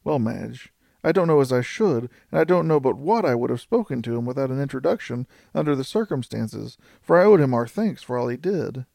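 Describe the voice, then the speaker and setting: Male narrator reading a prim rambling old maid, gravelly, dry close sound. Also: mid-range voice, expressive, brisk, darkish tone, no room sound. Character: fussy, talkative older spinster aunt.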